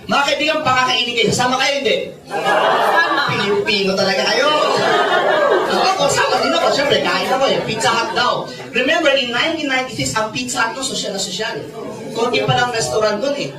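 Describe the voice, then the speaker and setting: A man's voice: extremely high pitch, a little fast. A man, giving a playful storytelling seminar talk and teasing his audience. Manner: playful, teasing the audience, mixes Tagalog and English. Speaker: network marketing seminar speaker. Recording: echoey room, mic far off, audience chatter.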